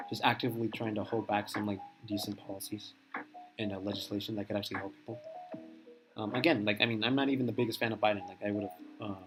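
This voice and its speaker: Male streamer, mid-pitched, quick and rambling, opinionated reaction chat over music. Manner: rambling, filler-heavy, opinionated.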